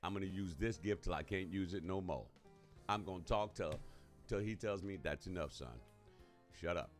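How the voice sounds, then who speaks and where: Deep-voiced chatty male radio host. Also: fairly even intonation, moderate pace, soft background music. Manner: chatty, laughs often, colloquial. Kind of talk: casual live radio talk.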